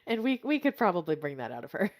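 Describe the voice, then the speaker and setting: A woman with a slightly low voice chats casually on a gaming livestream. She is playful and teasing, bantering in an informal, conversational way. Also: big pitch swings, fast talker. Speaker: livestream gamer.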